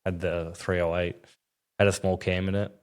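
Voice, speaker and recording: A man's voice: low-pitched, little pitch movement, moderate pace, smooth. A man with an Australian accent in casual, laid-back and colloquial conversation. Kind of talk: casual car chat.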